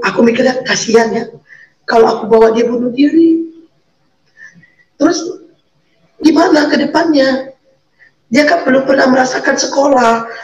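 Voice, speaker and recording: A woman's voice: high voice, reverberant, distant mic, poor audio. A woman, a convert and single mother, tells her life story in earnest over a video call, repeating key words for emphasis.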